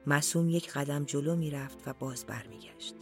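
An audiobook narrator reading a literary story in a slow, deliberate storytelling manner, at times dropping to near-whispers. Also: medium pitch, fairly even intonation, faint music behind.

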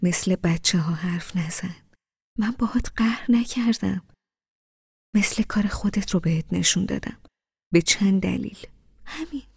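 A woman reading an audiobook, voicing a young husband who reasons with his wife in a soft, hushed voice. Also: medium pitch, animated, vocal fry, long pauses, slightly rough, dry recording, clean studio sound, heavily acted. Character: patient young husband, calm and reproachful.

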